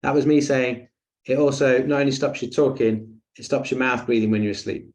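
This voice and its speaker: A man's voice: medium pitch, flat delivery, fairly quick, darkish tone. A man teaching a breathing webinar in a chatty, jokey way with lots of fillers and asides. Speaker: breathing coach.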